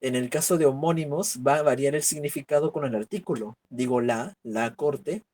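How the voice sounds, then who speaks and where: A man's voice: medium pitch, moderate pace, darkish tone. A man teaching an online grammar class, working through examples and asking rhetorical questions. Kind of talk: virtual class lecture. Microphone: computer mic on video call.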